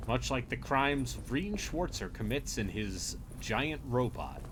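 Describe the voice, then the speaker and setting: A man's voice: mid-range voice, sing-song, slow, background noise. A man hosting a game stream, chatting casually and joking in an offhand way. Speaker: streamer host. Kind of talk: casual chat while gaming.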